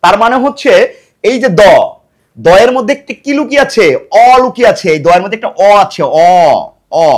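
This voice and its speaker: A man's voice: extremely high pitch, brisk. A middle-aged man teaching a grammar lesson for exam preparation, asking the class questions and answering them himself, and repeating words to drill them. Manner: lively, emphatic delivery.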